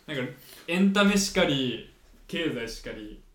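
A man's voice: on the high side, sing-song, a little slow, fairly bright tone. A young man with a Kansai Japanese accent, chatting casually as a podcast co-host, prodding with curious questions and laughing often. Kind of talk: casual chat. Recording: echoey room.

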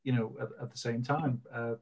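A man's voice: medium pitch, steady tone, a little fast, over a noisy crowd. A man co-hosting, talking casually and hesitantly with self-corrections. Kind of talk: casual chat.

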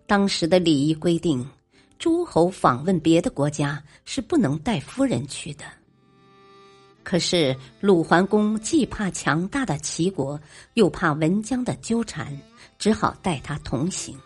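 一位女性讲述者，用平稳的叙述方式讲古代历史故事。. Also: female voice, lowish voice, slightly rough. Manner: measured, even storytelling. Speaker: storyteller. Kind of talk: scripted narration of ancient history.

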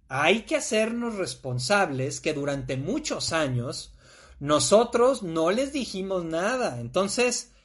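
This podcast host speaks with a Mexican Spanish accent in a mid-range voice, talking casually and with emphasis. The talk is packed with slang, and now and then the host acts out little scenes.

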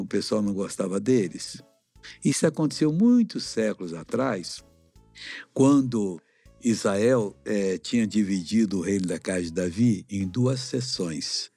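A man's voice: lowish voice, gravelly, warm tone, slightly rough, dry recording. A middle-aged man with a Brazilian accent teaching a children's Bible lesson like an uncle, explaining and asking simple questions. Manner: avuncular, didactic, asks questions. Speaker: missionary Bible teacher, host.

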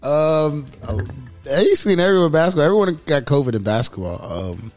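A man's voice: fairly high pitch, a little fast, faint music behind. A young man, co-hosting a podcast, talking sports in casual chat with swearing and acted-out quotes. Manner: animated, profane, acts out quotes in raised voice. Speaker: podcast co-host.

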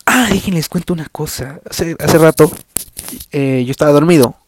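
A young Mexican-accented man talks in a loose, rambling podcast monologue full of crude slang. His voice sits a little high for a man, and the recording is dry and close, with no room sound. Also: moderate pace, husky, no room sound. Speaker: podcast host.

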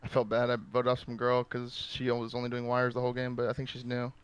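Fast-talking brash man joking around. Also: mid-range voice, monotone, clear, resonant tone. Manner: brash, joking, swears a lot. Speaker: guest dropping in. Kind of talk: casual banter.

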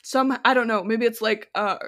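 A woman's voice: fairly high pitch, moderate pace. A woman co-hosting a podcast, talking casually about a movie, rambling and correcting herself as she goes. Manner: rambling, self-correcting, animated asides. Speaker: podcast co-host. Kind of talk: casual chat.

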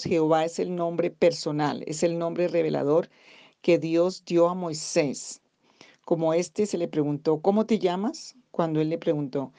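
A woman giving a recorded Bible teaching, reading scripture aloud slowly and deliberately with pauses and small hesitations. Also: sits low, dark tone, no echo.

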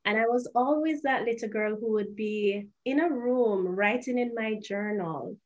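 A woman from Jamaica, a guest author answering interview questions in a thoughtful, measured way. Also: on the high side, dull audio.

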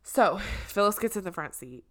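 A woman's voice: medium pitch, moderate pace. A woman co-hosting a podcast, telling a story in casual chat and acting out the people in it. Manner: animated storyteller, acts out quoted relatives loudly. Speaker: podcast co-host.

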